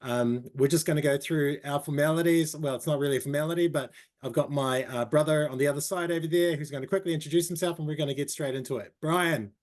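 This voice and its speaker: A man's voice: fairly high pitch, fast, few pauses, darkish tone. A man co-hosting a casual talk show, upbeat and chatty as he welcomes listeners and introduces the guest. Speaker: podcast co-host.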